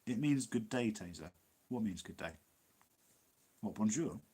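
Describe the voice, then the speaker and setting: A livestream host from Nottinghamshire, England, with an East Midlands English accent, runs a casual live Q&A, chatting, rambling, and laughing often. His voice is on the low side and dark with a breathy edge, lively in intonation and measured in pace.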